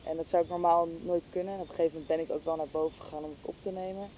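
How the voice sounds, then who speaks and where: Racing along in a steady, dark tone, a woman reflects casually, thinking aloud with hesitant, searching phrasing. She's a podcast hostess appearing as an interview guest, and a clear low rumbling hum runs under the recording.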